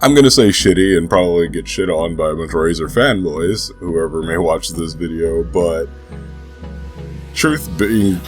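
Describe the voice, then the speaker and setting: Sounding stuffy from a cold, a young gaming vlogger chats at a moderate pace in a low voice while faint music plays. He rambles loosely and hesitantly, swearing freely throughout.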